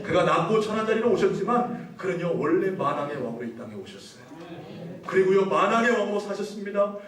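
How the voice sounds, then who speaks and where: A male pastor preaching a sermon, asking the congregation questions, leading them in call-and-response and reading scripture slowly with emphasis. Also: high voice, lively intonation. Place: church sanctuary. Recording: echoey church hall, voice from a distance.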